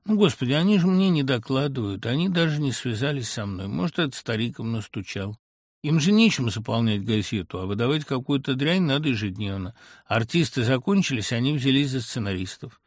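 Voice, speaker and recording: A man reading an audiobook, voicing a tired grown son who answers flatly and dismissively. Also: mid-range voice, fairly quick, dry recording, studio quality, lightly acted. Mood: weary. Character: weary grown son, screenwriter, curt and tired.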